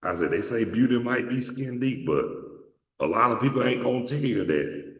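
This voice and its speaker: An expressive man at a moderate pace, he hosts a show from Atlanta, Georgia with a deep voice. His casual storytelling monologue is rambling and profane, with lots of restarts, recorded in an echoey room with the mic set back.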